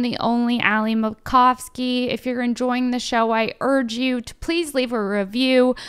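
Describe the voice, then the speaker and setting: A woman's voice: high-pitched, a bit bright, smooth. A young woman hosting a podcast, reading her intro and a sponsor ad in a playful, jokey, upbeat way. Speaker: podcast host.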